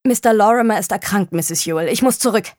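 A woman voicing a shaken young woman in a crisis, speaking in a tense, raised and hurried way. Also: medium pitch, darkish tone, no echo, voice pushed up, lightly acted. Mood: urgent. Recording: dry close studio sound.

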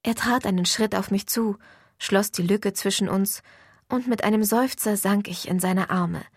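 A woman's voice: mid-range voice, moderate pace, husky, no echo, clean studio sound. A woman reads a first-person audiobook in an intimate, confiding storytelling manner. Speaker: audiobook narrator.

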